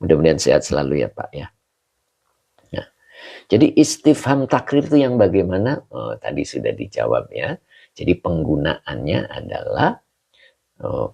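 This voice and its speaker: A man's voice: low-pitched, gravelly, mellow, husky. A man teaching an online lesson on Quran exegesis and Arabic grammar, greeting viewers by name between points. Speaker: religious teacher.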